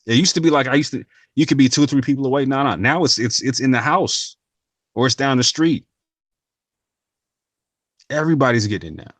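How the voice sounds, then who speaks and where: A man's voice: mid-range voice, animated, brisk, pauses often, no room sound. A man talking casually and earnestly to his viewers, using slang and often repeating and restarting his phrases. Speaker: channel host. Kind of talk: casual talk to camera.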